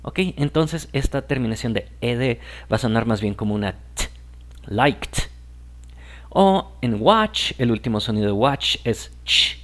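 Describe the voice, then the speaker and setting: A man's voice: mid-range voice, lively intonation, normal speed, few pauses, a bit bright. A man whose first language is Spanish, teaching English grammar in a patient explaining style and often checking that the listener follows.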